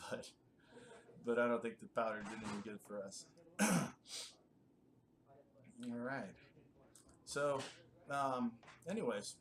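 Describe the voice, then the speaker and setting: A man's voice: medium pitch, takes it slowly, long pauses, a bit bright. Casual man commentating, noisy feed. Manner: casual, chatty, many fillers. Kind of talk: live play-by-play commentary.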